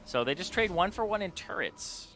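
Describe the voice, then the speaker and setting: A man's voice: high-pitched, animated, moderate pace, noisy background. A man giving analytical, joking color commentary on a live esports match. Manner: analytical, joking, laughs often.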